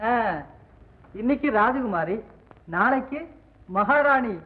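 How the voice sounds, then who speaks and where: A man's voice: very high-pitched, expressive, slow pace, full character voice. An actor playing a naive, eager young man who coaxes and pleads with his mother, in 1940s film acting. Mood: coaxing. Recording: tinny old film soundtrack.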